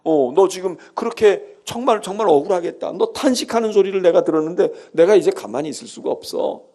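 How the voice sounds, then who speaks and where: A man voicing God as a tender, protective parent who reassures a hurt child, speaking softly and kindly in a sermon. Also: high-pitched, fairly quick, close to an everyday voice. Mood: reassuring.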